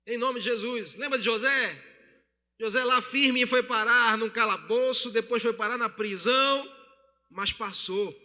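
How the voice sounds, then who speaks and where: A man's voice: extremely high pitch, measured pace, pushed and bright, in a large hall. A male pastor preaching a sermon to his church and calling for responses from the congregation. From Brazil.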